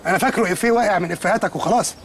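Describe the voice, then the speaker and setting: A man's voice: high voice, very fast, slight background noise. An actor playing a boastful, sarcastic young man in a comedy film, with an Egyptian accent, mocking his friend and dropping English words. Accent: Egyptian Arabic.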